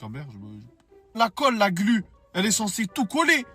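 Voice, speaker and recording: Squeaky bright-voiced cartoon dude, a man voicing him, rambling in slang about dumb questions. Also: huge pitch swings, moderate pace, soft background music, exaggerated voice. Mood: puzzled. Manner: rambling, puzzled street talk. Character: dim-witted young man musing over silly questions.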